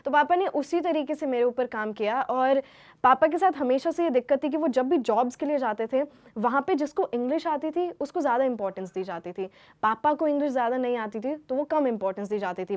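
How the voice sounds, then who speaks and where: Young woman from Haryana, guest, higher voice, lively and quick to laugh. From Haryana, India. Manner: lively, laughs often, switches between two languages. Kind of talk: casual chat mixing Hindi and English.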